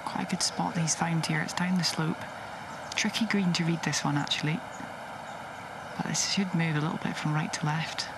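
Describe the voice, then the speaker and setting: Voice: medium pitch, fairly even intonation, normal speed. A golf commentator describing shots and conditions in an explanatory way from out on the course. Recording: loud outdoor ambience and wind noise.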